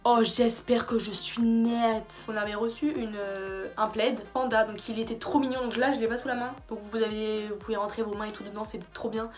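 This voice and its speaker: A woman's voice: fairly high pitch, steady tone, moderate pace, few pauses, soft background music. A young woman in a casual gift-idea vlog, tired late at night, chatty and rambling with fillers and restarts. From France. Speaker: YouTuber. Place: small bedroom.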